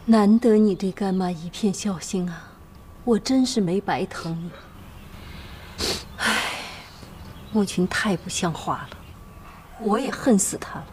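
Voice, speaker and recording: A woman's voice: mid-range voice, slow pace, pauses often, a little mellow, slight background noise, close to an everyday voice. A middle-aged actress playing a shrewd, motherly official's wife who talks soothingly and schemes in a TV drama. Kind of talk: TV drama acting.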